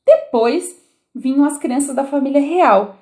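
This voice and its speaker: A woman reads a children's classic aloud as an audiobook narrator. Her voice sits fairly high and moves with lively, animated intonation, giving each sentence a storyteller's shape. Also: unhurried.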